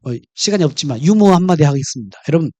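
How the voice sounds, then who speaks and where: A male pastor preaches in church, telling jokes and stories between points. His pitch swings widely and lively. The sound is close and dry, with little room echo. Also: racing. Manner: humorous, storytelling. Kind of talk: sermon.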